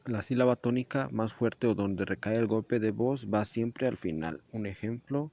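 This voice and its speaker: A young man with a low, mellow voice walks through a school lesson, explaining steps plainly and stumbling now and then before correcting himself. The recording is dull and lo-fi. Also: moderate pace. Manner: explanatory, with small slips and self-corrections. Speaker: student presenter. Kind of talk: school presentation narration.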